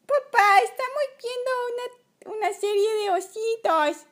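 A woman voicing a whiny little toy girl with a squealing, very high voice in a toy play video. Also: unhurried, a bit bright. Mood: pleading.

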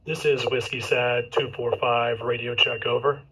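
A man's voice: medium pitch, level tone, moderate pace, pushed and bright, husky. Man on a crackly handheld radio. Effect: voice coming through a handheld two-way radio speaker. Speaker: radio operator doing a radio check. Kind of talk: clipped radio call procedure.

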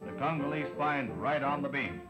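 A man's voice: medium pitch, expressive, moderate pace, poor audio. A man narrating an old newsreel with an announcer's flourish. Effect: old newsreel soundtrack with music. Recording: newsreel audio over loud music.

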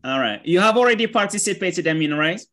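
Online English teacher, man, high bright voice, unhurried, leans on "great" and "right?". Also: lively intonation. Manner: keeps saying "great" and "right?", switches between English and Arabic.

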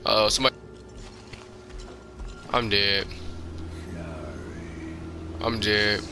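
A man's voice: on the low side, little pitch movement, extremely slow, noisy background. A man giving casual, slangy commentary on a horror game, talking informally to the game and viewers.

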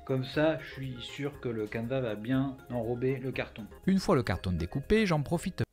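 A man narrating a crafting tutorial voice-over in a put-on southern French accent, explaining each step calmly. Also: medium pitch, normal speed, soft background music, lightly acted. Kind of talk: instructional voice-over.

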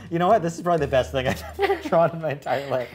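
A man's voice: a little high, expressive, very fast, soft background music. A young man chatting casually and poking fun at himself as he plays a drawing game. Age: young adult. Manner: self-deprecating, joking. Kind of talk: casual chat. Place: small indoor studio set.

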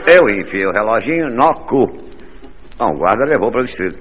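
A man telling bawdy jokes live on stage as a stand-up comedian, animated and quick to slip into character voices. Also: fairly low pitch, dull audio, slight background noise. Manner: bawdy, animated storyteller who jumps between character voices. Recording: live stage recording in a reverberant hall with audience.

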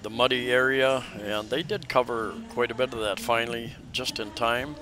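A man of ordinary pitch talks through a walking tour in a loose, rambling way, stopping and restarting his sentences often. He is recorded on a camera mic while moving along a city street, with a dense crowd audible all around him. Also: normal speed. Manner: rambling, many hesitations and restarts. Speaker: travel vlogger. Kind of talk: casual walking-tour narration. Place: outdoors on a crowded city street during a festival.

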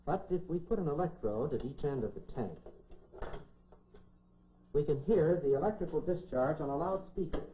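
On an indoor lab set, a science presenter in a lab coat, a middle-aged American man, delivers a scripted 1950s educational film with folksy, dry humor. His voice is a little high and expressive, at a moderate pace with frequent pauses. The recording is a dull, clearly noisy 1950s film soundtrack.

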